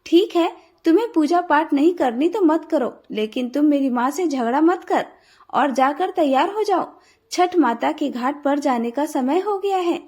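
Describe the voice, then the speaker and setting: A woman's voice: sits high, animated, unhurried, darkish tone. A woman voicing a dutiful young husband who speaks firmly but mildly.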